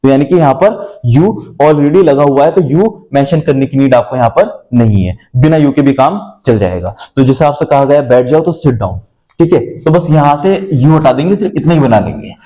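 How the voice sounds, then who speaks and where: Male teacher, fairly high, mellow tone, patient classroom explainer who repeats examples. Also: lively intonation, normal speed, echoey room, low-quality recording. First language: Hindi. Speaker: English teacher. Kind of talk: classroom grammar lesson.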